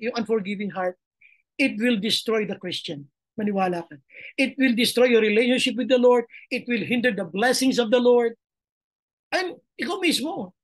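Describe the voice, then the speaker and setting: A woman pastor preaching a sermon, emphatic and repeating her phrases. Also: a little high. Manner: mixes Tagalog and English, emphatic, repeats phrases.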